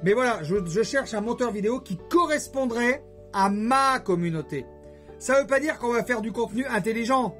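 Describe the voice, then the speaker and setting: With faint music behind him, a YouTuber host talks to camera in a very high-pitched, animated voice with a fairly bright tone at normal speed. He chats casually with viewers, rambling and tossing in jokey asides.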